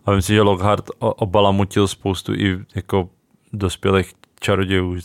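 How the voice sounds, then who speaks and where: A man's voice: low voice, flat delivery, gravelly, no room sound. A young man co-hosting a casual book chat, thinking aloud with small hesitations. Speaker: podcast co-host.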